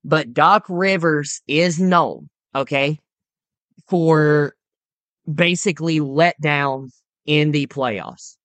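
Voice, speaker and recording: A man's voice: a little high, drawn-out words, fairly bright tone, dry recording. A young man on a sports podcast who makes his case step by step and keeps checking in with "okay?". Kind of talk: casual sports chat.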